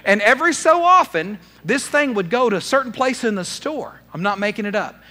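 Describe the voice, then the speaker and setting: A middle-aged man preaching a sermon as pastor, telling stories with big swings between loud and soft delivery. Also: sits high, lively intonation, brisk.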